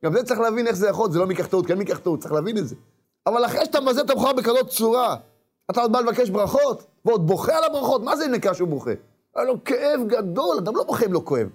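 A man giving an animated sermon, acting out inner voices and calling out at times. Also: very high-pitched, breathy edge. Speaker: rabbi.

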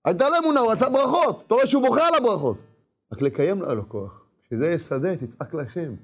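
A man preaching with a high voice. He talks in an animated way, acting out the inner voices of the people he describes and sometimes calling out loud. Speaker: rabbi. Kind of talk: sermon.

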